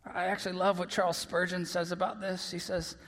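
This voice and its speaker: Male pastor with a high, bright voice, earnest sermon delivery, long church reverb. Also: level tone, a little fast. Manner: earnest, swings between soft near-whispers and loud emphasis. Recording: long reverb of a large hall.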